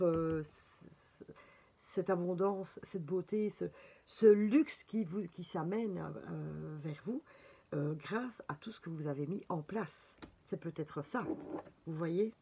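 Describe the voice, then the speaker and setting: A woman's voice: fairly low pitch, takes it slowly, warm tone, husky. A woman with a Belgian French accent giving a casual horoscope reading with cards, chatty and full of fillers and exclamations. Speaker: tarot reader.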